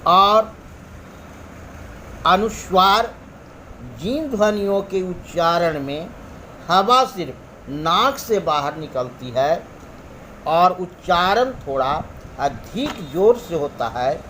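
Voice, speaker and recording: A man teaching a grammar lesson, explaining slowly and deliberately and drawing out each example sound. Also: sits high, animated, bright, forceful tone, a little hiss or hum. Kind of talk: classroom lesson.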